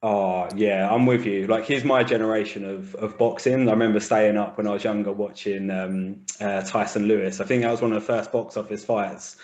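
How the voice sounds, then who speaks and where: A man's voice: lowish voice, steady tone, brisk, few pauses, a little mellow. British male host in an echoey room. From United Kingdom. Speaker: interview host. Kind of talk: casual podcast interview.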